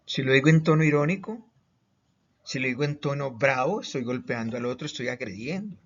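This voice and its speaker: In a slightly muffled, lo-fi recording of an online lesson, a man from Colombia speaks in a mid-range voice, briskly and expressively. He drives each point home by asking questions and repeating words.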